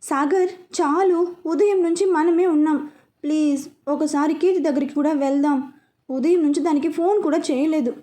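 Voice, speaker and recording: A woman's voice: high voice, moderate pace, warm tone, close to an everyday voice. A woman voicing a friendly young woman who pleads and chats cheerfully. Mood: pleading.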